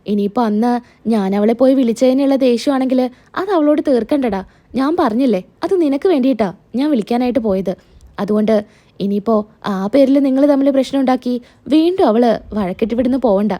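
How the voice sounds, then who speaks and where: A woman's voice: a little high, brisk, warm tone, natural voice. A woman voicing a caring middle-aged mother-in-law in a spoken serial recap, talking in a soothing, reassuring way. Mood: concerned.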